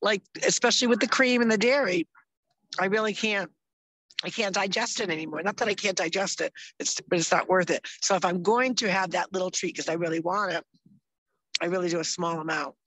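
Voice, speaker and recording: A woman's voice: fairly low pitch, brisk, a bit bright, no echo, low-quality recording. Woman co-host, chatty and upbeat, casual chat, dry close sound. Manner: chatty, upbeat, loses her train of thought. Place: outdoors in the mountains.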